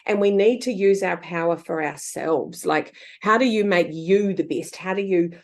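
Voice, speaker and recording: A woman in her fifties, a guest author in a casual interview chat, who talks lively, laughs often and acts out quoted voices. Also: lowish voice, normal speed.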